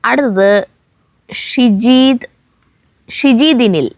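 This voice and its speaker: A woman co-hosting a family vlog, reading viewer comments aloud in a steady voice and breaking off now and then to chat and joke, outdoors at home on a windy day. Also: on the high side, drawn-out words, no room sound, studio quality.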